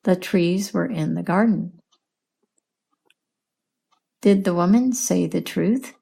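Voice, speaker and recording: A woman teaching English in a slow, clear lesson, patiently asking questions and repeating answers. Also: fairly low pitch, mellow. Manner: patient, repeats and explains words.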